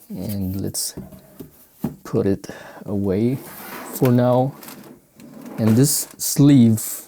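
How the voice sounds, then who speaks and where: A Filipino sneaker unboxing vlogger from the Philippines gives casual, unscripted product commentary in non-native English, pausing as he hunts for words. His first language is Filipino, and his accented voice is fairly low, gravelly, and mellow, with slight background noise.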